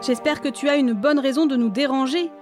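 A woman's voice: sits high, a little fast, music in the background, natural voice. A woman voicing a stern, grumbling witch mother who scolds with exasperation, in a storybook reading.

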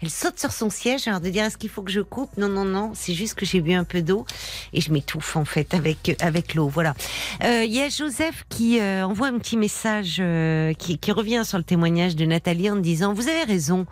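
A woman hosting a late-night radio call-in show in a studio, speaking in a gentle, soothing and attentive way. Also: medium pitch, expressive, brisk. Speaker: radio phone-in host. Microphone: studio microphone.

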